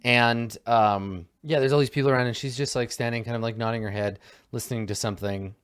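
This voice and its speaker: A man narrates a tabletop game as its game master. He talks in a loose, rambling way, with plenty of fillers and restarts. His voice sits at an ordinary, middle pitch. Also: fairly even intonation, a little fast, fairly bright tone, clean tone.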